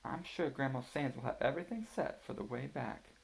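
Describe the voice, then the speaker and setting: A man voicing a practical, organized mother who calmly lays out a family road trip. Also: mid-range voice, a little fast, vocal fry, voice pushed up. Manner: steady, matter-of-fact planning tone.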